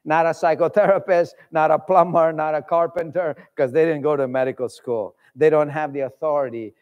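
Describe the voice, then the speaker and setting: A man preaching a passionate sermon, swinging between loud calls and hushed pleading. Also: fairly high pitch, steady tone, a little fast, long reverb tail, muffled recording. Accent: British. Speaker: pastor. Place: church hall.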